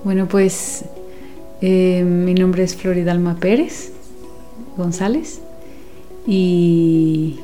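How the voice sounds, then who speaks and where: A woman in her forties from Guatemala, a guest speaking softly in an interview and searching for words with many pauses and restarts. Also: fairly low pitch, fairly even intonation, faint music behind. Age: 40s. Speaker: guest, women's companion and former teacher. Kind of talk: unhurried interview talk.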